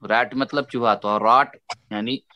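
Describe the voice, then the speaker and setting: A man's voice: mid-range voice, steady tone, measured pace, dull audio, a little hiss or hum. A man teaching Quran recitation, patiently drilling letter sounds for students to repeat. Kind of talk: tajweed lesson, call and response.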